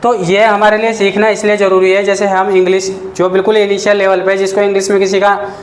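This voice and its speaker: High-voiced man teaching in an echoey room. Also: flat delivery, a little fast. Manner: patient, repeats points and asks the class questions. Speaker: English teacher. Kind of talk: classroom lesson explaining basics. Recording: echoey room with faint noise.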